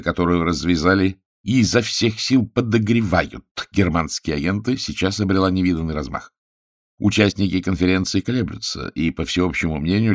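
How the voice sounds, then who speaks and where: A man's voice: sits low, dry recording, clean studio sound. A man voicing a grave, worried senior statesman in an audiobook, formal and solemn.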